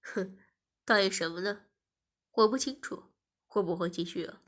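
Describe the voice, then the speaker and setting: A woman voicing a smug, leering male masseur in a low, half-whispered tone. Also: normal speed, sharp tone, husky, heavily acted. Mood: taunting.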